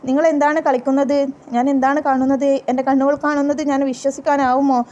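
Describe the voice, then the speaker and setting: A woman voicing an indignant young woman doctor who scolds her brother with shrill, rapid questions. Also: little pitch movement, a little mellow, muffled recording, natural voice. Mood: outraged.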